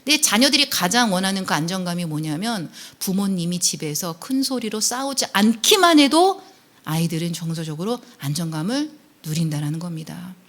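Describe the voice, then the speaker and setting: A woman, a family counselor, giving a church seminar lecture in an animated way, acting out quotes and tossing in questioning tags. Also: lowish voice, a little fast. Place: church service.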